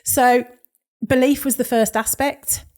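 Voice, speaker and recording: A woman's voice: sits high, steady tone, unhurried, a little mellow. A woman with a Birmingham accent, a brand specialist telling stories as a podcast guest and acting out the dialogue she quotes. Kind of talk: podcast interview.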